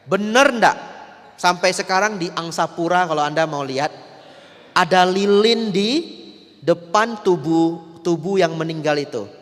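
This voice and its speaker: Lively monk preaching in an echoey hall. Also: male voice, on the high side. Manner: lively, addresses listeners directly, swings between loud and soft. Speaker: Buddhist monk. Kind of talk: storytelling sermon to a congregation.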